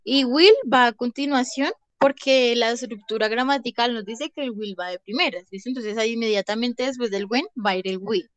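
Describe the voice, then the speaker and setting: A woman's voice: a little high, a little fast, hardly any pauses. A woman teaching an English lesson in an online class, explaining patiently and checking often that her students follow. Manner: patient, checks understanding with frequent questions. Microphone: video call.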